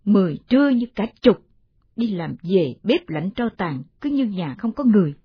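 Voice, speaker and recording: A woman's voice: fairly high pitch, expressive, moderate pace, muffled recording. A woman voicing a resentful young village wife who snaps curtly at her family, in a storybook reading. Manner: curt, snapping.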